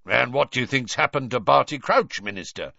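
A man reading an audiobook, voicing a gruff, grizzled older male auror with a growling voice. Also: mid-range voice, expressive, fairly quick, pushed and bright, no room sound, pitched above the performer's own voice, heavily acted. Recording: dull, dry audiobook recording.

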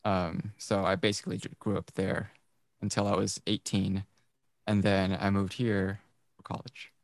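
A man from France chatting casually, soft-spoken and hesitant, repeating words as he starts his sentences. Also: low voice, little pitch movement, normal speed, gravelly, no room sound. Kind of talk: casual chat.

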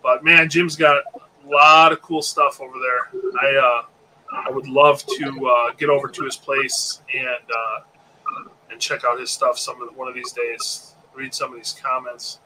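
A man's voice: mid-range voice, level tone, measured pace, pushed and bright, slight background noise, low-quality recording. A man in his late thirties hosting a podcast live stream, chatting casually in a laid-back, rambling way with plenty of fillers. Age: 30s. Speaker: podcast host.

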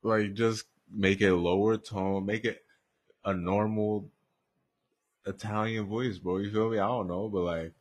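A man's voice: on the low side, steady tone, measured pace. A young man co-hosting a podcast, talking in an easygoing, slangy way with short agreeing replies. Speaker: podcast co-host. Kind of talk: casual chat.

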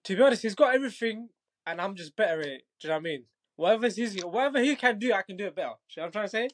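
Speaking very fast over slight background noise, a Bangladeshi Muay Thai fighter in his twenties chats casually as an interview guest. His voice is a bit higher than most men's, and he sounds easygoing and confident, laughing easily and often checking in with "do you know what I mean."

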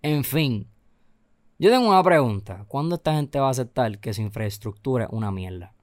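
A man's voice: mid-range voice, expressive, a little fast, no echo. A man hosting a casual podcast, rambling and opinionated, with frequent repetition. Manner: rambling, opinionated, repeating himself. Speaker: podcast host.

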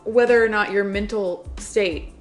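A woman co-hosting a podcast, chiming in with wry jokes and quick agreement in casual chat. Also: medium pitch, fairly even intonation, faint music behind. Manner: wry, joking chime-ins and frequent agreement. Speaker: podcast co-host.

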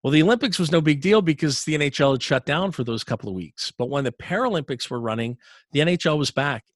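Recorded in clean studio sound with no room ambience, a middle-aged man from Canada speaks in a medium pitch. He is an arena announcer recounting his career as an interview guest, cheerful and talkative, frequently restarting and repeating words.

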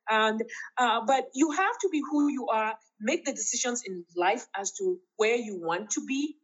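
A woman's voice: fairly high pitch, highs cut off. A woman in her fifties, an interview guest talking in an emphatic, laughing way with big upward swoops. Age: 50s. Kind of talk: casual interview chat.

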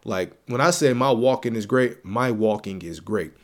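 A young man hosts his own gaming podcast, speaking loosely and with slang in a stuffy, congested voice. It is fairly low in pitch at normal speed, and he keeps the hype going by repeating phrases for emphasis.

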